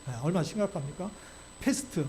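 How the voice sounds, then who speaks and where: A male pastor preaching a sermon in a church, animated and constantly checking in with the congregation through rhetorical questions. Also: high voice, brisk, slight background noise. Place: church sanctuary.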